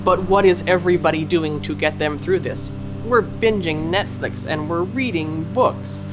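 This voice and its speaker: Impassioned man with higher voice. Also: moderate pace, over music. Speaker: artist. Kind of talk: documentary interview answers.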